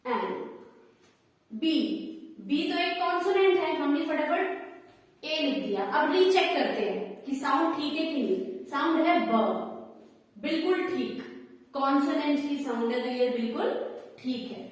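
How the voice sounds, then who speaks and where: A woman's voice: high-pitched, expressive, measured pace. A woman teaching an English grammar lesson, asking questions and answering them herself, repeating the key words. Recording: echoey hall, voice from far off.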